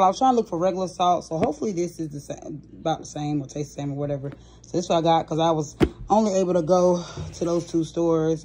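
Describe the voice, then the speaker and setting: Her voice on the low side, a young woman shows off groceries at home, filming them on her phone from off camera. She runs through the items in a relaxed, chatty vlog style with fillers, and a little hiss or hum sits in the background.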